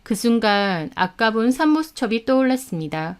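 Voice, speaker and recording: A woman's voice: on the high side, sing-song, normal speed, smooth. A woman narrating a first-person drama story in an indignant, dramatic tone.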